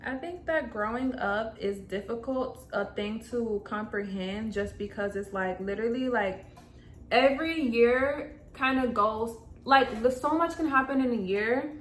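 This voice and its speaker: A woman's voice: on the high side, unhurried. Chatty young woman, echoey room. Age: 20s. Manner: chatty, lots of "like" fillers. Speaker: makeup vlogger. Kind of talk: casual chat. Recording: echoey room with faint noise.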